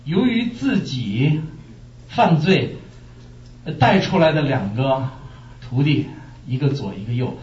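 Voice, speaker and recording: A man from China preaching a sermon, telling stories lively and asking rhetorical questions. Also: mid-range voice, takes it slowly. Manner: animated storytelling with rhetorical questions. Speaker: pastor. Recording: echoey room, distant muffled mic.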